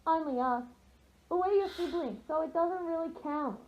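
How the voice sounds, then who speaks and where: A woman's voice: high voice, fairly even intonation, a little fast, muffled recording, close to an everyday voice. A woman voicing a bratty young sibling with a singsong, teasing manner. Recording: echoey room.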